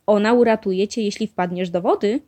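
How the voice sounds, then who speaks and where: A woman reading a storybook aloud, voicing a patient, caring mother mouse who coaxes her child gently. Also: medium pitch, a little fast, close to an everyday voice. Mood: coaxing. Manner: gently coaxing.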